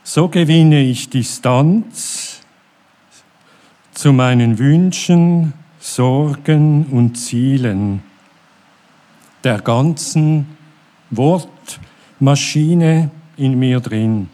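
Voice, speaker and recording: Brief: middle-aged male church speaker, very slow and calm, mellow warm tone, sermon delivery. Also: mid-range voice.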